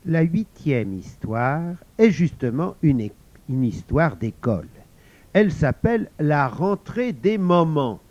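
A man with a high voice reads children's stories aloud, his pitch rising and falling in a very animated sing-song. The delivery is expressive, and the recording sounds dull and lo-fi. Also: takes it slowly. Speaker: storyteller.

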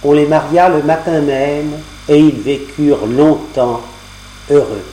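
A man's voice: a little high, fairly even intonation, slow pace, warm tone. Man reading a fairy tale aloud. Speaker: storyteller. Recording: roomy cassette recording, faint hum.

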